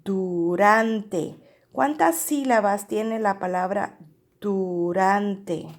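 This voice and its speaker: A woman teacher reading a picture book aloud to young children, stretching out words and counting their syllables. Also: medium pitch. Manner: slow, drawn-out syllable drilling with animated read-aloud emphasis.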